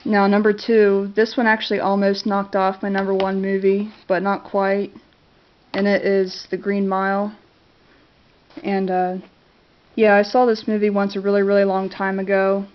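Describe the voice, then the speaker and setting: This woman has a cold and keeps clearing her throat while casually telling her camera about favorite movies. Her mid-range voice holds a flat monotone at moderate pace, and she hesitates with lots of fillers and restarts. The audio is dull and lo-fi.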